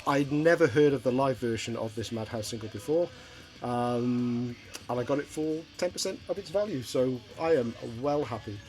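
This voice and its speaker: A man's voice: medium pitch, moderate pace, darkish tone, soft background music. A middle-aged man from Wales, chatting casually and hesitantly through a show-and-tell of his record collection. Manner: rambling, hesitant, many ums and restarts. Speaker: vinyl collector vlogger.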